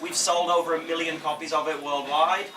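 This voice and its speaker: A man's voice: a little high, flat delivery, brisk, far from the mic. A man giving an informal, jokey, conversational talk as a game publisher, often checking in with his audience. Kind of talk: informal conference presentation. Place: indoor event room with audience. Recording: echoey room from afar, faint noise.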